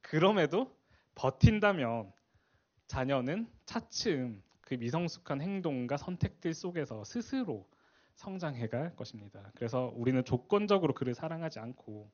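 A man's voice: mid-range voice, big pitch swings, moderate pace, darkish tone, dull audio. A man in his forties giving a casual church parenting talk. He laughs often and acts out quoted lines. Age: 40s. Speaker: parenting class speaker at a church.

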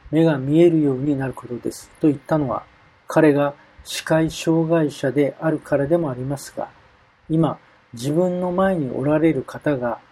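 A man preaching a sermon, reading Bible verses aloud in a measured way and explaining them. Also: a little high, mellow, slightly rough, poor audio.

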